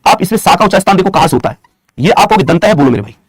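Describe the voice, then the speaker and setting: A young man from India teaches an online grammar class in a high, slightly husky voice. He talks quickly, repeats each point as a question and its answer, and drills his students fondly. The sound is dry and close, with no room echo. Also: lively intonation. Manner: affectionate teacher's address to students; dictates definitions slowly, word by word.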